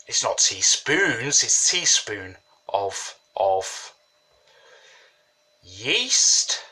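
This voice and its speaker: This fairly low-pitched man talks very slowly, with big swings in pitch and a pushed, bright quality. Nursing a cold and sniffling a little, he rambles through a home brewing recipe at his kitchen table in a relaxed how-to, often asking "you know what I mean."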